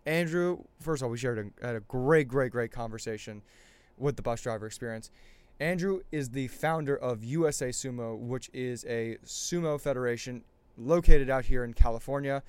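A man hosting a podcast, talking in an energetic, rambling way, then chatting casually with his guest. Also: medium pitch, moderate pace, smooth, no room sound. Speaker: podcast host. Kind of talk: podcast intro and casual interview chat.

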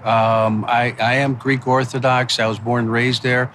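A man's voice: medium pitch, level tone, measured pace, fairly bright tone, slight background noise. Hesitant man in a street interview. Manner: thoughtful, hesitant.

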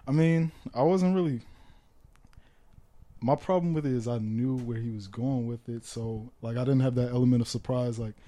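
A man's voice: mid-range voice, normal speed, mellow. A young man co-hosting a podcast, chatting casually in slang and laughing often. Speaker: podcast co-host. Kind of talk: casual chat.

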